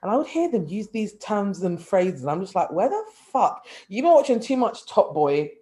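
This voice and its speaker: A young woman from North London with a London accent, co-hosting a casual chat, blunt and animated, swearing freely. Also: medium pitch, brisk. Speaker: podcast co-host.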